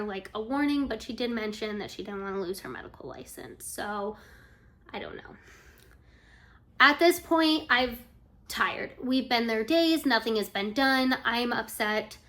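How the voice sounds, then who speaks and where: Chatty young woman, high-pitched storyteller. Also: a bit bright. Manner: chatty retelling, acts out quoted dialogue, frequent "like" and "um". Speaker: vlogger telling a personal story. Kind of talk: casual storytime.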